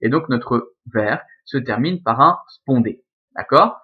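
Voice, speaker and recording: In a recorded lesson, a male Latin teacher explains verse scansion slowly and with animation, his pitch about average. He constantly checks that the class is following with "ok?" and "d'accord?", and the audio is dull and lo-fi.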